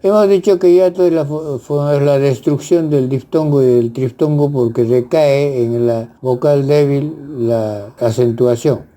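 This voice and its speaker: A man teaching grammar, reading lists of example words in a measured, deliberate way. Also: mid-range voice, fairly even intonation, mellow. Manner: measured, spells out examples one by one. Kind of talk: slow instructional reading.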